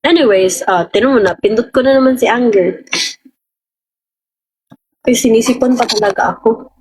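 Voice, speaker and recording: A woman's voice: on the high side, moderate pace, a little mellow, husky, rough recording. A young woman with a Filipino accent, chatting casually on a livestream and rambling as she answers viewers' comments. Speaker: livestream host.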